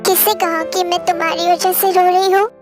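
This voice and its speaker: A woman's voice: very high-pitched, little pitch movement, fairly quick. A woman voicing a pleading young wife. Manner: pleading, defiant. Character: young woman, defiant frightened royal wife. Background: background music.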